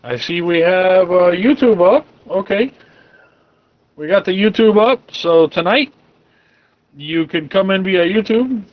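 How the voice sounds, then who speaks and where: Man, fairly high voice, running a ham radio net over a dull, dry radio link; loose, joking net control. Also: lively intonation, measured pace, long pauses, dry recording. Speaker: net control operator of an amateur radio club net. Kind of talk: directed ham radio net, casual chat.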